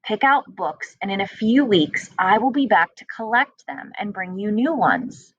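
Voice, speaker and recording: A woman's voice: mid-range voice, animated, a little slow, a bit bright, husky, dry recording, dull audio. A woman voicing a kindly, welcoming male traveling librarian in a children's storybook read-aloud. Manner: inviting, encouraging.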